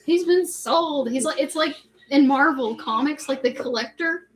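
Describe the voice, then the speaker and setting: A high-voiced woman narrates as game master for her tabletop group, mixing scene narration with chatty, laughing asides. Faint music plays behind her. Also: normal speed, low-quality recording.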